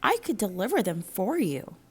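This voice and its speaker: A woman's voice: medium pitch, sing-song, normal speed, darkish tone, slightly rough. A woman voicing a jolly, good-natured, eager Santa Claus with kindly, cheerful speech in a children's storybook.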